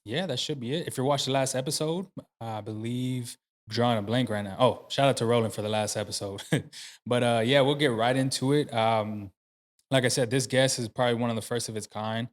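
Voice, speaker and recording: A man's voice: medium pitch, a little fast. A man hosting a podcast, talking casually in a loose, rambling way with many fillers and restarts. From United States. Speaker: podcast host. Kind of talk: casual interview chat. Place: podcast studio.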